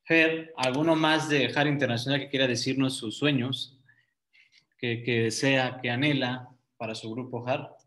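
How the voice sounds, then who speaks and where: A man's voice: mid-range voice, steady tone, a little slow, fairly bright tone. Encouraging male teacher on a video call. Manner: encouraging, coaxing shy students. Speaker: youth group leader, teacher.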